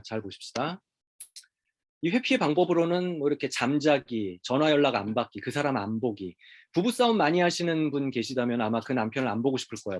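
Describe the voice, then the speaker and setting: A middle-aged man who works as a hospital counselor, giving a casual spoken lecture to parents and acting out quick quoted lines from parents and kids. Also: medium pitch.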